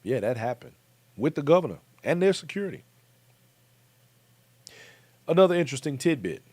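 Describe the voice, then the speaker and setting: An American man delivers commentary with an emphatic, direct manner, often addressing his viewers. His pitch swings widely as he speaks. The sound is dry and close, with no room around it. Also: very animated, normal speed, darkish tone, slightly rough, no room sound. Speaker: commentary show host. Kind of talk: talk-show commentary.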